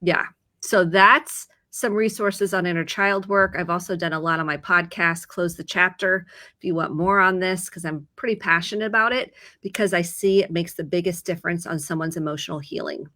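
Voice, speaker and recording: Middle-aged lady therapist, earnest, talks it through w/ examples, bright clear tone. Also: fairly low pitch, steady tone, normal speed. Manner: earnest, explains with examples and acted quotes. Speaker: licensed therapist. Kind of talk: conversational advice segment.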